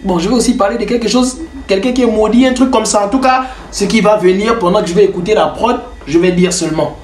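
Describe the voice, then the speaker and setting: A man's voice: sits high, fast, slight background noise. A young man explaining in a casual, loose way how he builds a rap track, with lots of fillers. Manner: loose and chatty, many fillers like "genre". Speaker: home music producer and rapper. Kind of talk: casual tutorial talk to camera. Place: his bedroom. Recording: roomy bedroom echo.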